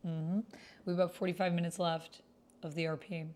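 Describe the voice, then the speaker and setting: Her voice is fairly low and a little mellow, delivered flatly and briskly as she reads out typed text on a casual livestream. The host and role-player addresses viewers but also half mutters to herself. Computer keyboard clatter makes the audio noticeably noisy.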